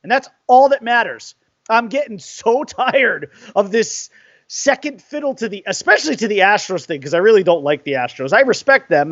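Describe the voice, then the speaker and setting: Fired-up, high-voiced man ranting about sports. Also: no echo. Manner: fired-up, exasperated, profane rant. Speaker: sports podcast host. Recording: dry, dull lo-fi sound.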